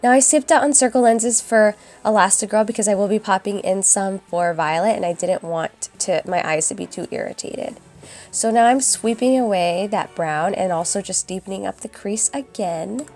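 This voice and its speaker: Raspy, hoarse young woman with a cold. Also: medium pitch, moderate pace, a little mellow. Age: young adult. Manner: chatty and upbeat, addresses viewers as guys. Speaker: beauty vlogger. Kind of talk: makeup tutorial voice-over. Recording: voice-over with faint music behind.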